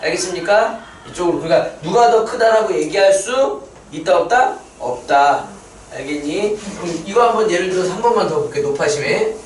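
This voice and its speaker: A man's voice: high voice, brisk, slight background noise. A man teaching a math lesson at a board, explaining step by step and quizzing his students with questions. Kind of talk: whiteboard math lecture. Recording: roomy echo, mic set far off.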